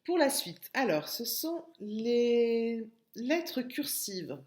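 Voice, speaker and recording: A woman's voice: fairly high pitch, big pitch swings, extremely slow, a little mellow, roomy sound. A woman with a French accent teaching young children in a recorded remote lesson, patiently repeating words and splitting them into syllables. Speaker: kindergarten teacher.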